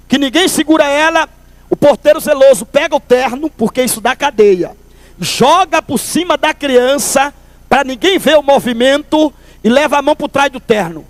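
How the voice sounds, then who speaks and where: A man from Recife, telling a humorous testimony at a church service and calling listeners brother. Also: extremely high pitch. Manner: lively storyteller, calls listeners brother.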